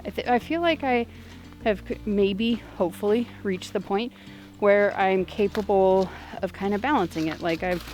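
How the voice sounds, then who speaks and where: A woman's voice: medium pitch, moderate pace, darkish tone. A young woman vlogging outdoors on her homestead, talking casually in a rambling, distracted way with lots of fillers, a little out of breath. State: slightly out of breath. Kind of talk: casual vlog talk.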